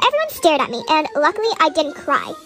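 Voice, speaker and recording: A woman's voice: sits high, very animated, quick pace, over music. A young woman ranting in a chatty, exasperated vlog monologue. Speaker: vlogger. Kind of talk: relatable storytime monologue.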